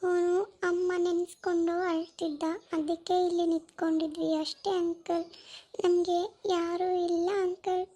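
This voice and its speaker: Woman plays a very high, flat little cartoon girl, an orphan and careful older sister. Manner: slow, soft and pleading. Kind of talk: cartoon voice acting.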